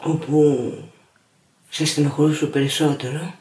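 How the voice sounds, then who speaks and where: A woman's voice: deep voice, steady tone, darkish tone, echoey room. A young woman giving a subdued, weary documentary testimony. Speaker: interviewee.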